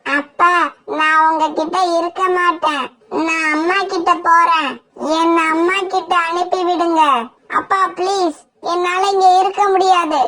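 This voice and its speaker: A woman's voice: extremely high pitch, level tone, unhurried, pushed and bright, heavily acted. A woman voicing a small boy sparrow in a cartoon, whiny and begging. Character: little boy sparrow, clinging to his mother. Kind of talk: cartoon voice acting.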